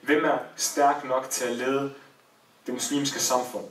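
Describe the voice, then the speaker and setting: A man's voice: medium pitch, flat delivery, a bit bright. A man telling a religious story as a sermon, with emotional rises and falls in emphasis. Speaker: preacher. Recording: echoey room, voice from far off.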